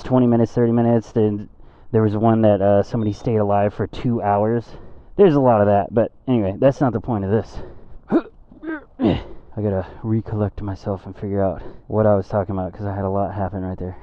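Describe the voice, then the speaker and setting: A man's voice: lowish voice, dry recording. A man, talking inside his motorcycle helmet while he rides through night traffic. He rambles in casual chat and curses at other drivers. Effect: muffled, as if spoken inside a motorcycle helmet. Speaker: motorcycle vlogger. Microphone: helmet-mounted mic. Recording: tinny helmet mic with loud road and wind noise.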